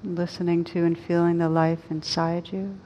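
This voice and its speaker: A meditation teacher guides a session in a low, very even voice, giving slow, soothing instructions with long pauses between phrases. The recording is dull and lo-fi, with rumbling background noise.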